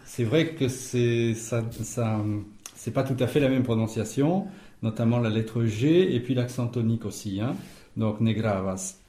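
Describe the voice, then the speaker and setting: A man's voice: mid-range voice, measured pace, warm tone. Patient male language teacher, echoey room. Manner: patient, corrects pronunciation step by step. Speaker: Esperanto teacher. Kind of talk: classroom language lesson.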